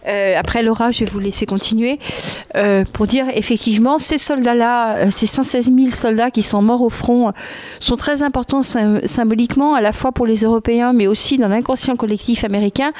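A woman with a fairly high voice moderates a talk. She adds long, elaborate commentary and pauses on frequent fillers. Her tone is formal and measured. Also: darkish tone, no echo. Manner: elaborate and wordy, with many fillers.

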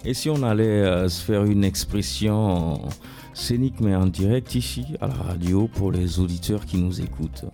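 A male radio host in the studio with a low, gravelly, dark voice. He asks his questions hesitantly, full of fillers and quick English interjections. Faint music plays underneath.

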